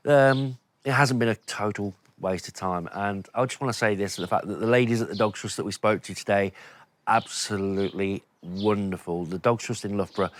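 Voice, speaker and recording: A man with a head cold, talking with a nasal voice in a relaxed, rambling vlog. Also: lowish voice, a little hiss or hum. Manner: relaxed, rambling with many fillers. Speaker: vlogger. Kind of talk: casual vlog to camera.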